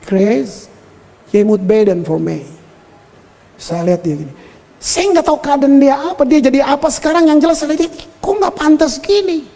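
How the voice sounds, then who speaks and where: An older male pastor preaching a sermon and telling stories from his own life in an animated way, often turning to the congregation. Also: very high-pitched. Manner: animated storyteller, often addresses the congregation as brothers and sisters. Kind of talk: sermon with personal storytelling. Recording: long hall reverb.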